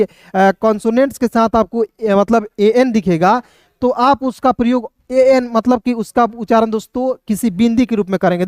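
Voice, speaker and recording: An online teacher giving a reading lesson, spelling words out letter by letter and then reading each one slowly. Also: medium pitch, darkish tone, smooth, no room sound, clean studio sound. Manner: keeps addressing viewers as friends, asks and answers own questions.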